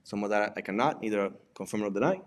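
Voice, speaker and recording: With a lowish, expressive voice and a fast delivery, a man presents an informal lecture in a Puerto Rican accent. He's from Puerto Rico, grew up speaking Spanish, and works as a digital forensics examiner and instructor. Conversational throughout, he checks in with rhetorical questions and tags his points with "right?".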